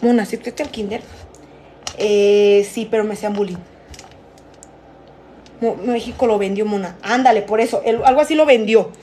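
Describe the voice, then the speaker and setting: A woman's voice: medium pitch, normal speed, pauses often, mellow, a little hiss or hum. A young Mexican woman chatting casually on a live stream from home, rambling and swearing freely. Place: at home, alone.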